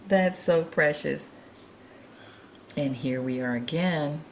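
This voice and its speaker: With a slight hiss or hum behind her, a storytime reader with a low-sitting voice reads a picture book to young children. She chats between pages, encourages the kids, and laughs softly at the pictures.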